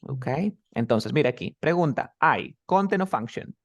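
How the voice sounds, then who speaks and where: A man teaches pronunciation one on one at a middle pitch, firing quick quiz questions at his student. He models each example sentence slowly, again and again, to show the stress. The sound is close and dry, with no room echo. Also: lively intonation. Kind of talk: one-on-one language lesson.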